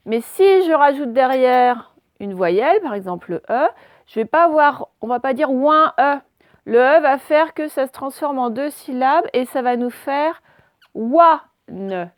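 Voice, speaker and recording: A woman's voice: sits high, moderate pace, darkish tone, dry recording. A woman teaching a phonics lesson to young children, patiently spelling out letters one by one.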